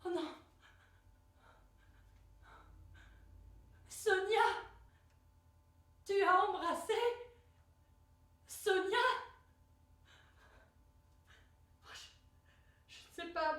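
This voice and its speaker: An actress playing a bewildered young girl who searches her lost memory, speaking in halting, repeated words and anguished exclamations in a theatre monologue. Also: very high voice, pushed and bright, exaggerated voice. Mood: frantic, jealous. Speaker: stage actress. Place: theatre stage. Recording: echoey stage recorded from far off.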